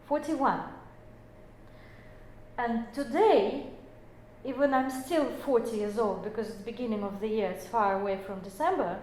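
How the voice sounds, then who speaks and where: A woman's voice: a little high, a little slow, darkish tone, slight background noise. A woman in her forties giving an explanatory lecture, speaking English as a with many fillers and self-corrections. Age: 40s. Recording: echoey room.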